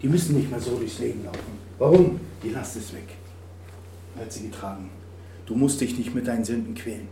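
Guy preaching a sermon, goes soft then loud, acts out little scenes, roomy hall, kinda far from the mic. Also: medium pitch, a little fast. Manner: dramatic swings from quiet to loud, acting out dialogues. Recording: roomy, from a distance, faint noise.

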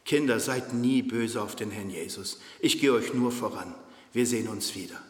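A man's voice: on the low side, moderate pace, voice pushed down, close to an everyday voice. A man voicing a tender dying mother. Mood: tender farewell. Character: dying mother, gentle and tearful yet trusting. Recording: reverberant hall.

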